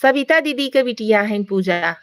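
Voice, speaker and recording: A woman's voice: a little high, animated, moderate pace, a bit bright, dry recording. A woman with an Awadhi accent hosting a casual family live stream, teasing and laughing often. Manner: playful teasing, laughs often, chants greetings.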